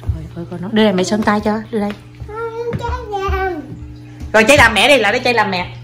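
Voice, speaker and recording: A woman's voice: mid-range voice, fast talker, over music. A young mother, filming her kids and coaxing them, talking to viewers in a casual, playful way. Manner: coaxing, playful, repeats short commands to children.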